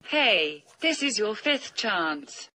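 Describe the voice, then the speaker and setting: Woman, threatening, broken english, growling warnings, slow, sharp tone. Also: mid-range voice, big pitch swings. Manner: broken, simple English phrasing. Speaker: VTuber. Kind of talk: acting out a computer error character.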